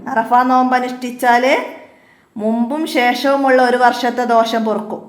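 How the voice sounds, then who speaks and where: A woman teaching an exam revision lesson, asking each question and repeating every answer slowly, her voice dropping low on short reminders. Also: steady tone. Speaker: madrasa teacher. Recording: echoey room.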